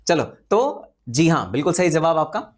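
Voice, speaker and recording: Animated Indian man teaching tax. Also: a little high, moderate pace. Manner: animated, chatty, rhetorical questions and dramatic asides. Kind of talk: live online lecture.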